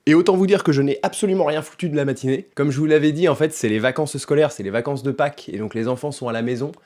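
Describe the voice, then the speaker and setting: A man's voice: on the high side, quick pace, a little mellow. A man from France in his thirties, chatting informally to camera in a casual vlog, full of fillers and slang. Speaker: vlogger.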